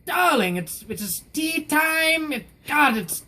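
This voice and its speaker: A woman voicing an elderly, genteel British woman at tea time, with a high, quavering put-on voice and drawn-out, theatrical exclamations. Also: animated, pushed and bright, exaggerated voice. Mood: fussy, genteel.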